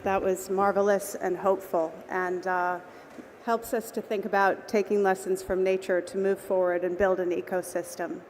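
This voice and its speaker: A woman giving a podium speech as an event moderator, introducing speakers in a formal but hesitant way with filler pauses. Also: medium pitch. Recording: echoey hall, background noise.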